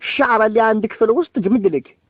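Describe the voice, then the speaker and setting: An Algerian man with a high voice talks fast over a landline phone, the sound thin and narrow. He is crude and argumentative, bantering heatedly and peppering everything with swearing. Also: no echo. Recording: thin, band-limited landline phone call.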